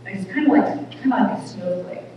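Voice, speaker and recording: A middle-aged woman with a small, thin voice giving an earnest public talk at a community event, speaking plainly with halting restarts. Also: mid-range voice, recorded from a distance, background noise. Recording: echoey hall recorded from afar, dull.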